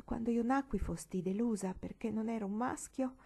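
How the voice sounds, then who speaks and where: In a storybook reading, a woman voices a small, anxious, emotional girl, speaking high and excited with tearful outbursts. Her pace is moderate and her voice has a breathy edge.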